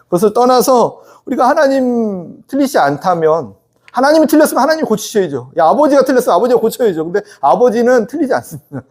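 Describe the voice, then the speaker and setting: A man's voice: extremely high pitch, sing-song, fast, darkish tone. A man preaching a Sunday sermon in church, conversational and interactive, often asking the congregation to answer back. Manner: acts out the sons and the father in quoted speech. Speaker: pastor. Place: church sanctuary.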